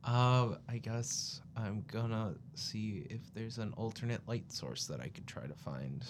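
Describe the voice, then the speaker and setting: Niepewnie mówiący mężczyzna, zaszumione nagranie. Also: male voice, lowish voice, unhurried. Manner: hesitant, mild. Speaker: tabletop role-player. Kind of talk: casual role-play with narration of own character. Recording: clearly noisy room recording.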